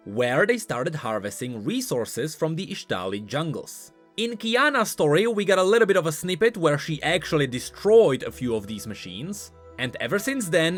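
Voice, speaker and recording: A male YouTuber delivers scripted commentary on game voice lines, explaining the lore emphatically. His voice is fairly high and swings very lively in pitch, with light music playing underneath.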